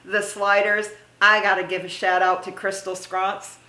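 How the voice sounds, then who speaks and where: A woman's voice: medium pitch, flat delivery, moderate pace, bright, forceful tone. Effusive middle-aged woman in echoey room. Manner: effusive, laughs often, gushing praise. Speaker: interview guest, theme park haunt performer. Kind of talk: casual interview reminiscence.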